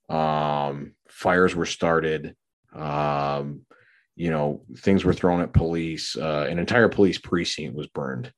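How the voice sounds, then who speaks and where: A middle-aged man tells a rambling story on his podcast, stopping for fillers and restarting his sentences. His voice sits very low. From Minneapolis area. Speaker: podcast co-host. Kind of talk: casual storytelling.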